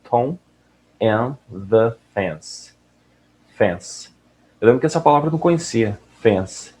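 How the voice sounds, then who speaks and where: A man teaching English listening in a casual, relaxed way, often checking in with the listener. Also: mid-range voice. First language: Portuguese. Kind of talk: casual explanatory lesson.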